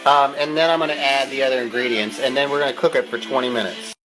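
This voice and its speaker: A chatty home cook with a fairly high-set voice talks through a casual cooking demonstration. The delivery is informal and loose with the odd curse. Music plays behind, along with the sizzle of frying food. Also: fairly even intonation, fast talker, rough recording. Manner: chatty, casual, mildly profane.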